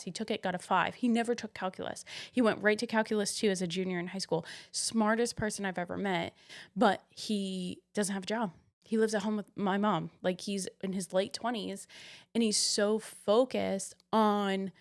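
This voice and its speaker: A young woman talking candidly on her vlog, blunt and swearing freely, acting out the voices she quotes. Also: mid-range voice. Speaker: vlog host. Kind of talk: candid casual monologue.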